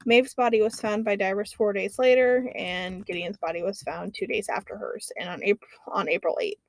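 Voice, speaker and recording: A woman's voice: mid-range voice, steady tone, creaky, no room sound. Podcast lady reading off her notes, lots of ums, dry close mic. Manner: chatty, fills pauses with "um". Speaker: podcast co-host. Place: lives near an Alaskan lake.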